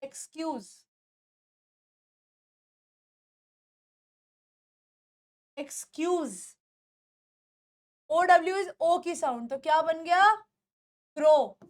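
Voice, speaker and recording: A woman teaches pronunciation in a classroom lesson, her voice high and her pace unhurried. She says each word again and again and keeps checking whether her students have understood. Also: darkish tone. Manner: drills words by repeating them and asks students checking questions.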